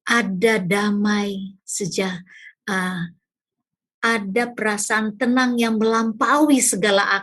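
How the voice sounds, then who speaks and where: A woman pastor tells a personal prayer testimony in an easy, conversational way, tossing in little tag questions. Her voice sits at an ordinary middle pitch with a husky, breathy grain. She comes across as someone simply talking to a congregation watching online. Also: a bit bright. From Indonesia. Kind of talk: devotional talk with personal testimony.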